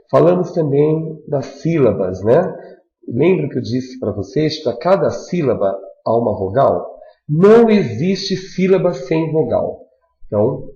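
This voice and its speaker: Teacher, slow and emphatic. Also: male voice, mid-range voice, dark tone. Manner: slow, emphatic, spelling out syllables. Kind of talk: classroom review lecture. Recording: dull echoey classroom recording.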